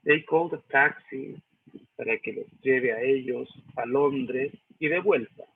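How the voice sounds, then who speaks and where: A man's voice: mid-range voice, measured pace, vocal fry, a little hiss or hum. Chilean man teaching English, tinny audio. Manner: explains step by step, asks "¿sí?" and "¿cierto?" often. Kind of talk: recorded lesson walking through a reading.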